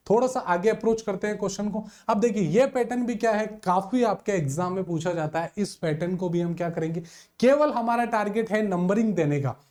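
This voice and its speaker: Male reasoning tutor, high-pitched and soft-toned, counts aloud and coaxes students. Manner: addresses students as sir and dear children, counts aloud. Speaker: teacher. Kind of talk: exam-prep reasoning lesson.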